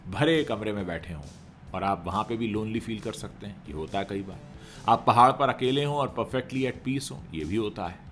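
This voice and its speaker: Man commenting on celebrity news. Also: medium pitch. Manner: addresses viewers directly, rhetorical questions.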